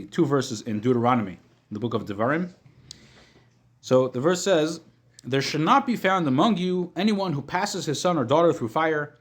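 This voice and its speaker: A man teaching an informal religious class as a rabbi, reading texts and explaining them step by step, often rephrasing as he goes, in a slightly husky voice. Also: on the high side. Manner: explanatory, repeats and rephrases points, halting at times.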